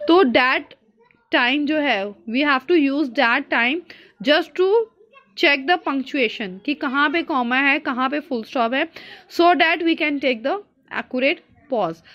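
A woman teaching exam speaking tips, mixing English and Hindi and often asking "Clear?". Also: high voice, drawn-out words, dull audio. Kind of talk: spoken-exam tips lesson.

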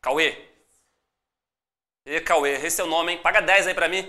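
A teacher with a Brazilian accent giving a live online exam-prep lesson. Upbeat and encouraging, greets viewers by name and spells out syllables slowly. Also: mid-range voice, fairly even intonation, bright, forceful tone. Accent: Brazilian Portuguese.

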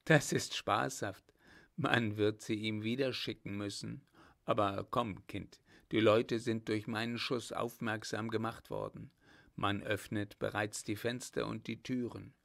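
A man's voice: fairly low pitch, steady tone, measured pace, creaky, a bit bright. A man voicing a brave, ardent young male lieutenant with a firm, earnest manner. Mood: resolute.

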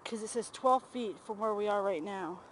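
A woman's voice: medium pitch, moderate pace, a little hiss or hum, rough recording. A young woman chatting casually and exclaiming often as she films herself geocaching outdoors on a handheld camera. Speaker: vlogger filming a geocaching trip. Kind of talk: casual chat while exploring. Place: outdoors, brushy desert lot.

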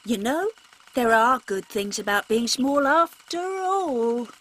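A woman's voice: on the high side, slow pace, fairly bright tone. A woman voicing a small male clockwork toy mouse that runs on a spring, talking in a childlike, pleading way. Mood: relieved. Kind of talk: cartoon voice acting.

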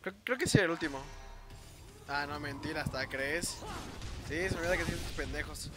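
A man with a Mexican Spanish accent giving live gameplay commentary, excitable and cursing at enemies. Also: fairly high pitch, quick pace, music in the background. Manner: excitable, swearing, shouting at enemies. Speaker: gameplay video host.

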